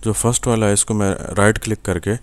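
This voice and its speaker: A young Pakistani man with an Urdu accent gives a patient, step-by-step screen-recorded software lesson at his computer, often checking in with the viewer. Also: fairly low pitch, level tone, dry recording. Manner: patient, step-by-step, many fillers and "ٹھیک ہے" checks. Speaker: software instructor.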